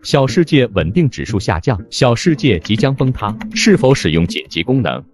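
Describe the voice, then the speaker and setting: A man's voice: medium pitch, very animated, moderate pace, lightly acted. A man voicing an impassive computer system that gives formal, impersonal alerts in a short drama. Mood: impassive warning.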